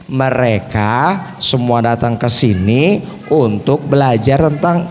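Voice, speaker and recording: Slow, gentle man teaching children. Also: mid-range voice. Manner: gentle, coaxing questions to children. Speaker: children's religious storyteller. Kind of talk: puppet show teaching children. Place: mosque hall. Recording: reverberant mosque hall.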